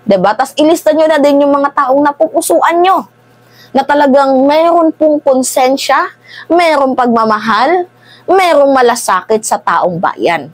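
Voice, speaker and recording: A woman's voice: high-pitched, a little slow, no room sound. Chatty woman commentator with a dry close sound. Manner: conversational, animated, keeps asking "di ba?" and addressing "guys". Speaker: political commentator. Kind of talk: casual political commentary.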